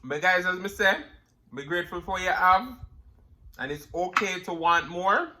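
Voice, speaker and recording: A man's voice: high-pitched, moderate pace, sharp tone. A man with a Jamaican accent giving emphatic, casual motivational talk to viewers, repeating phrases and murmuring as he eats crunchy fried chicken. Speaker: mukbang vlogger.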